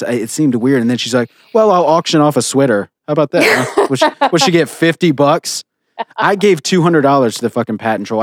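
A man's voice: medium pitch, darkish tone, dry recording. Blunt, opinionated man in dry close sound. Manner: blunt, opinionated, swears freely, many restarts. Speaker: podcast co-host. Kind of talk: casual chat.

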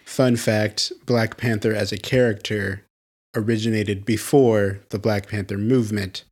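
A man's voice: fairly low pitch, fairly even intonation, a little slow, a little mellow. A man hosting a podcast in a playful, jokey way and often laughing. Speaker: podcast host. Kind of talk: casual podcast chat.

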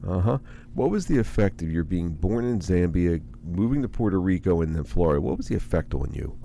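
A man's voice: deep voice, lively intonation, fairly quick, vocal fry, warm tone, slight background noise. A man hosting a radio interview show, asking probing questions and cutting in often. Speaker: radio host.

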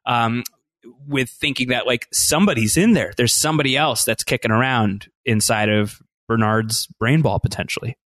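A man co-hosting a podcast, chatting casually about a TV episode, animated and often restarting his sentences. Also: medium pitch, moderate pace, no echo, clean studio sound. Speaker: podcast co-host. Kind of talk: casual chat recapping a TV episode.

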